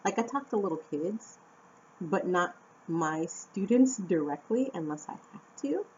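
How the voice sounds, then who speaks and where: A young American woman from Arizona chatting casually to camera at home, animated and talkative. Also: on the low side, unhurried. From Phoenix, Arizona, USA. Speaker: vlogger and English teacher. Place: at home indoors. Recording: dull lo-fi camera audio with faint room noise.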